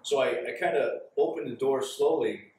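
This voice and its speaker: A man in his thirties hosting a podcast interview, telling stories in an animated way, recorded in a small bar. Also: mid-range voice, moderate pace, a little hiss or hum. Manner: animated storyteller, gestures a lot. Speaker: podcast host. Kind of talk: conversational interview. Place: small bar with signed walls, indoors. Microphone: far camera in the room. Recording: very echoey room from far off.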